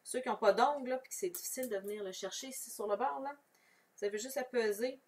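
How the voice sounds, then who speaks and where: A woman's voice: on the high side, fast, darkish tone. A woman with a Québécois French accent leads a casual, chatty craft tutorial, explaining each step and answering viewers. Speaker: crafting demonstrator. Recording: voice somewhat far from the mic.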